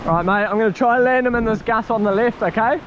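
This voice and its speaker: A man with a broad New Zealand accent hosting a casual fishing vlog from a rocky coast in a slangy, excitable, matey way. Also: high-pitched, fast talker, dull audio. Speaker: fishing show host. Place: outdoors on a rocky coastal ledge. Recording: noisy outdoors with sea and surf. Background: waves and surf.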